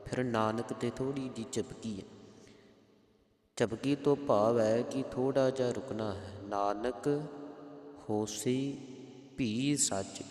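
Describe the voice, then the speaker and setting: A man teaching careful pronunciation of scripture, spelling out vowel marks and chanting lines slowly. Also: mid-range voice, steady tone, darkish tone. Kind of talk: slow pronunciation lesson with chanted verses. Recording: echoey room with long reverb.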